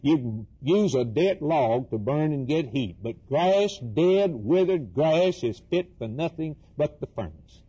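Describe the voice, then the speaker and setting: Preaching fervently from the Bible, a man with a slightly high, mellow, breathy voice speaks a little slowly yet animatedly, hardly pausing. He repeats himself for emphasis, poses rhetorical questions, speaks in short declarative bursts and dramatically voices scripture and dialogue. The recording is rough.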